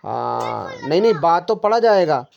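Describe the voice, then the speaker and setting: A man tutoring a student in Quran recitation, patiently explaining and repeating each point slowly. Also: fairly high pitch, very animated, creaky, darkish tone, a little hiss or hum. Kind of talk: one-on-one tutoring lesson. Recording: dull lo-fi recording.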